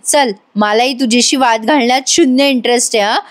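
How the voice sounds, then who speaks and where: A woman's voice: on the high side, a little fast, natural voice. A woman voicing a stern, scolding young lawyer. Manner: lecturing, reproachful.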